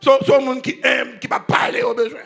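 A preacher with a high, bright voice delivers a sermon at a church convention. He swings from loud shouting down to hushed, quiet storytelling, calling back to the congregation. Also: little pitch movement, normal speed, gravelly.

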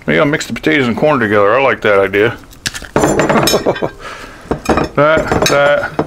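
Wearing a lapel mic, a cooking vlogger in his sixties gives a casual, cheerful demonstration from his home kitchen, then from a pickup truck, laughing frequently. His mid-range voice is gravelly and fairly bright, and he talks a little slowly.

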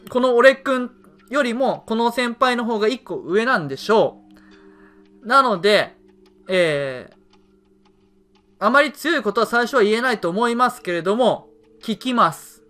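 A man's voice: very high-pitched, unhurried, long pauses. A man commenting on a dating game as he plays, reading its lines aloud and reacting. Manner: animated, reads dialogue aloud and reacts. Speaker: game streamer. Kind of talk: let's play commentary.

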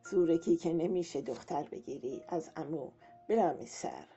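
A woman's voice: sits low, dark tone, close to an everyday voice. A woman voicing a young neighbor girl who complains in a put-upon way, in a dull lo-fi audiobook with faint music. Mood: complaining.

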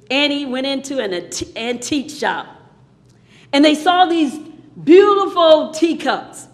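A woman preacher tells a sermon story with a high voice and an unhurried pace. She swings between hushed passages and loud, dramatic peaks.

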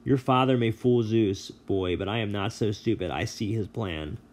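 A man's voice: fairly low pitch, moderate pace, darkish tone, slight background noise, lightly acted. A man reading aloud, voicing an angry, harried male god of the dead who bellows complaints and threats. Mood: menacing. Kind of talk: audiobook reading.

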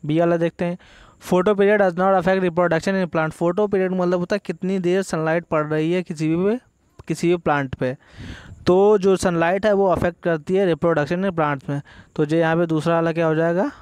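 A man teaching a biology exam-prep lesson. He works through multiple-choice questions step by step, asking and answering his own questions, and reads the English questions aloud slowly. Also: sits high, steady tone, darkish tone, clean tone, no room sound.

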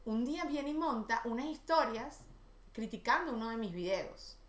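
A Venezuelan woman hosting a talk show, chatting in an animated way with quick asides. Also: fairly high pitch. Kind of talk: casual chat. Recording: echoey room.

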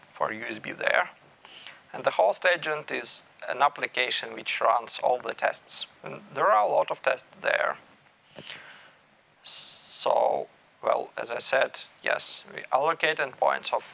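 A man in his thirties giving a technical talk at a meetup, measured and thinking aloud with small restarts. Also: mid-range voice, vocal fry, pushed and bright, poor audio. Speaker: meetup speaker. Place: small room with stage curtains.

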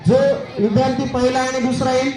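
Man calling through a megaphone, high-pitched. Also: fairly even intonation, quick pace. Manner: commanding, calls out names and cheers on runners. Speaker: school teacher announcing a race. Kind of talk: loud announcements and instructions to students. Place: outdoor school sports ground. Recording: echoey outdoor amplified sound with crowd and noise.

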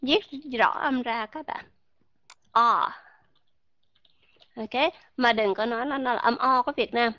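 A woman teaching English pronunciation to an online class, modeling sounds slowly and asking her learners questions. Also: a little high, a bit bright, no room sound, highs cut off.

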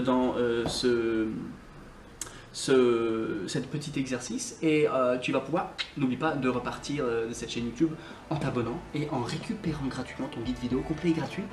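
A man giving a casual video lesson as an English teacher, hesitant with many fillers and slowly repeated words. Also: mid-range voice, recorded from a distance, faint music behind. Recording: roomy echo, voice off-mic, faint noise.

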